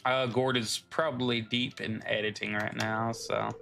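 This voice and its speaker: A man chats through a game stream in a loose, joking, profane way. His voice is bright with a gravelly fry, and the pitch sits mid-range for a man. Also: level tone, a little slow, soft background music. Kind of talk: casual gameplay commentary.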